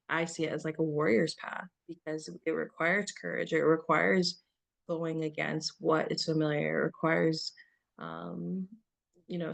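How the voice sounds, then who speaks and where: Softly gravelly woman coaching gently. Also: deep voice. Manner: gentle, meandering, with soft laughs and many fillers. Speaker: spiritual coach. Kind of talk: reflective self-help talk.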